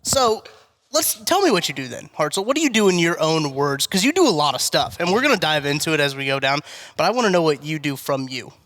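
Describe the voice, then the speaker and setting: An American man with a somewhat high-pitched voice hosts an interview. He talks in a casual, conversational way, as in an informal chat with his guest. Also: big pitch swings, fast talker, fairly bright tone. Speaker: interview show host.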